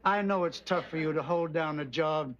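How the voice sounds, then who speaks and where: A man's voice: fairly high pitch, normal speed, a bit bright, close to an everyday voice. An older actor playing a dry-witted, teasing grandfather in a sitcom. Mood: wry. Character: wry, joking old grandfather. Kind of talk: sitcom acting. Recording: dull lo-fi TV audio.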